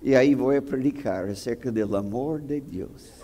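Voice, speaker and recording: A man pastor preaching a sermon, telling a personal story with acted quotes and sudden loud bursts. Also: mid-range voice, normal speed, a little hiss or hum.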